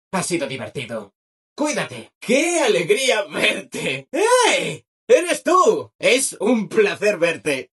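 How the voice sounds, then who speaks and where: Yes Man, high-pitched cheerful Spanish robot. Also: a bit bright, husky, exaggerated voice. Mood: upbeat, confiding, then giddy, excited. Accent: Castilian Spanish. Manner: exaggeratedly upbeat, fawning, sing-song. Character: relentlessly cheerful, servile, eager-to-please robot. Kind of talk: video game voice acting.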